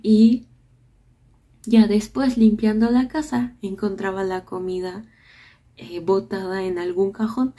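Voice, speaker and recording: A woman, casually telling childhood memories in a soft voice that often sinks to a near whisper. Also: medium pitch, slightly rough. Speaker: vlogger.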